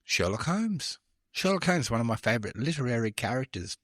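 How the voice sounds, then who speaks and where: A man's voice: mid-range voice, big pitch swings, a little fast, very noisy. A man hosting a trivia podcast, reading questions with chatty, self-deprecating asides. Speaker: quiz podcast host.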